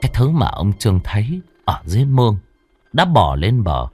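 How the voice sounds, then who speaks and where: A man narrating a horror story with expressive, dramatic pacing. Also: lowish voice, normal speed, soft background music.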